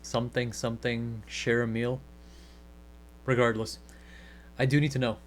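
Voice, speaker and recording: Man as mid-pitched, blunt investigator Agent Hirsch. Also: level tone, a little slow, a little hiss or hum, close to an everyday voice. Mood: probing, offhand. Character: blunt, casual, sceptical male government agent interrogating. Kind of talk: naturalistic radio play acting.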